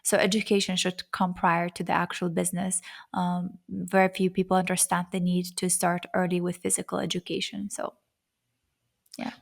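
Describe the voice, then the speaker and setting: A woman speaks as an interview guest. Her mid-pitched voice has a creaky edge and fairly level intonation, and she explains her points earnestly in a conversational way. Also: completely flat delivery, moderate pace. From Azerbaijan. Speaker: interview guest, YouTuber and etiquette coach.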